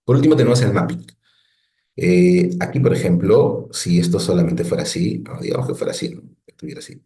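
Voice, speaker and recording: Low, mellow-voiced male teacher. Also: expressive, brisk, roomy sound. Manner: patient, explanatory, frequent "¿no?" checks and restarts. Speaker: Biblical Hebrew teacher. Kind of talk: online lesson explaining on a screen.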